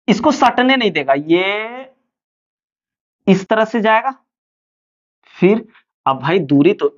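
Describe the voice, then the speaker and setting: A man's voice: sits high, lo-fi sound. A male physics teacher giving a classroom lecture, asking students questions and answering them himself. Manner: calls students "bhaiya" and "dear children".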